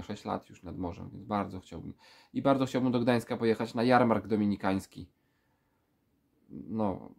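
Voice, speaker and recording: A man's voice: medium pitch, a little mellow. A man in his thirties from Poland with a stuffy, pinched-nose nasal voice, sounding under the weather as he chats casually and ramblingly for a vlog. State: sick with a stuffy nose, feeling weak. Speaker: vlogger. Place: small room with full shelves, indoors.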